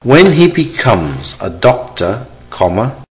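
A man reading a dictation exercise, saying each phrase three times in a measured, deliberate way and speaking the punctuation aloud. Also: medium pitch, very animated. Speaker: dictation reader. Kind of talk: slow repeated dictation with spoken punctuation.

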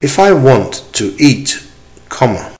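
A man reading a dictation exercise as a teacher, in short, measured, deliberate phrases with punctuation spoken aloud. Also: medium pitch, sing-song, a little mellow. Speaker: language teacher giving dictation.

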